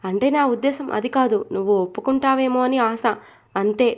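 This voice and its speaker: Woman reading as young wife, storybook, emotional, stubborn, higher voice. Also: fairly quick, natural voice. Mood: pleading.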